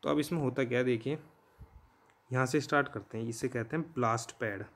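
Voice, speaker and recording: An Indian man gives an informal lesson in Hindi sprinkled with English terms, walking through ideas step by step and regularly checking in with his listeners. His mid-range voice keeps a fairly even intonation and moves a little fast.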